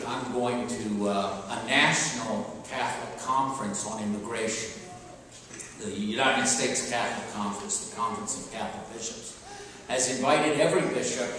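An older man preaches a conversational homily from the pulpit of a large church, halting and emphatic, pausing often and asking rhetorical questions. His medium-pitched voice is fairly bright, picked up by a distant camera mic in a very echoey space with clear background noise.

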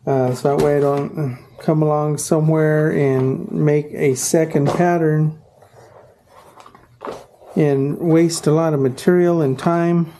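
A man's voice: fairly high pitch, fairly even intonation, slow, dark tone, a little hiss or hum. A middle-aged man, an upholsterer, explaining his craft in a plain, practical way, with fillers and self-corrections. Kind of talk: casual workshop tutorial. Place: upholstery workshop indoors.

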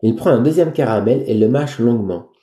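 A man reading a novel aloud, calm and careful, pausing to check spelling. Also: medium pitch. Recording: roomy echo.

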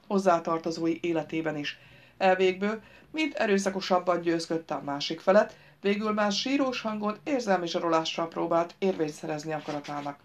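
Woman audiobook narrator, low register, measured storytelling delivery, dull lo-fi sound. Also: a little mellow. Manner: measured storytelling, voicing characters in dialogue.

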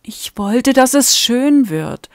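A woman's voice: fairly high pitch, lively intonation, slow, no echo, clean studio sound, pitched above the performer's own voice. A woman reading a fan-made audiobook, voicing an anxious, unsure young woman in a raised, pleading tone.

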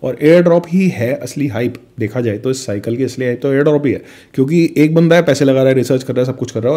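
Mellow-voiced man explaining crypto charts. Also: medium pitch. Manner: chatty Hinglish, addresses viewers as friend, fillers. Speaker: crypto vlogger. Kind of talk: screen-share chart walkthrough.

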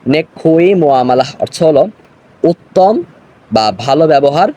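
A man with a Bangladeshi Bengali accent teaching a grammar lesson, explaining slowly and repeating words. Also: fairly high pitch, dark tone.

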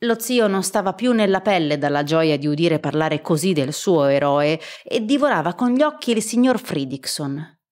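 A woman's voice: on the low side, animated, normal speed, a little mellow. A woman reading a novel aloud at sight as an audiobook, unrehearsed, sometimes restarting a phrase. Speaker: audiobook reader.

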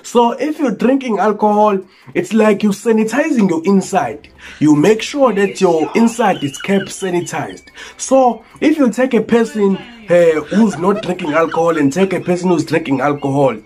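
A man's voice: high voice, normal speed, a little mellow. A young South African man with a mock-earnest, emphatic manner, speaking as a guest in a parody news interview. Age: young adult. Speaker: comedian. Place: indoor room.

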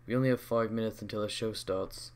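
A man voicing a laid-back, deadpan puppet character in a cartoon fan dub, mumbling casually. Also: lowish voice, fast talker, lightly acted.

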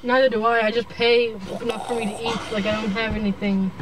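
A woman's voice: fairly high pitch, fairly even intonation, brisk, crowd noise. A tired woman chatting offhand with friends from inside a car. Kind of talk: casual chat. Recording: far from mic, loud vehicle noise.

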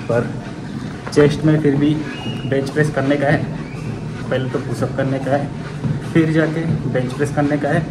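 A man in his thirties from India, chatting casually and coaching through exercises in a fitness vlog, recorded on a phone in an indoor gym. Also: medium pitch. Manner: chatty, coaching, counts breaths during reps. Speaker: fitness vlogger. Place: indoor gym, large echoey room. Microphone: phone camera, often held at arm's length or set on the floor. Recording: echoey gym, voice often far from the phone, gym noise behind.

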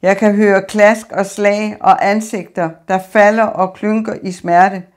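A woman's voice: mid-range voice, level tone, close to an everyday voice. A woman voicing a grieving, despairing man who speaks in weary laments.

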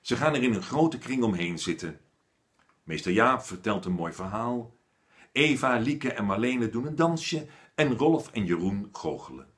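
A man, an author, reading a children's story aloud with an expressive storytelling manner. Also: medium pitch, a little slow. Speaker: author reading his own book.

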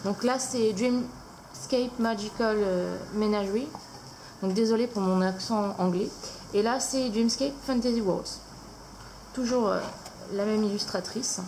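A woman's voice: medium pitch, unhurried, darkish tone, a little hiss or hum, rough recording. A woman hosting a casual haul video at home, talking hesitantly with many fillers. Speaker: craft channel host.

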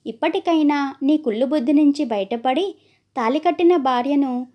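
A woman's voice: high voice, normal speed, dull audio, lightly acted. A woman voicing a bold, clever young sister-in-law in a storybook tale, teasing and lecturing. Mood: scolding.

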